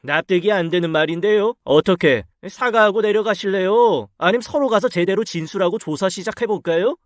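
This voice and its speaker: A man's voice: sits high, a little fast, no room sound, studio quality, close to an everyday voice. Man playing a curt, stern young cop. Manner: curt, formal, official. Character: stern young male police officer. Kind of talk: storybook dialogue.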